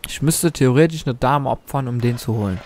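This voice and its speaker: Young dude doing gameplay commentary, hypes himself up, taunts the computer, swears a lot. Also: male voice, mid-range voice, brisk. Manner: excitable, taunts the game, swears. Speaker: let's play host.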